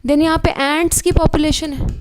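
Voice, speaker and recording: Woman, high bright voice, lively biology teacher, checks in with students. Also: normal speed, slight background noise. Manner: animated, addresses students as beta, asks checking questions. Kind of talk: online exam-prep lecture.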